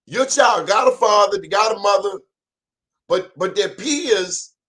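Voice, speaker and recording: A man's voice: high voice, lively intonation, unhurried, fairly bright tone, slightly rough. Teasing male host, slangy. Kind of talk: casual interview chat.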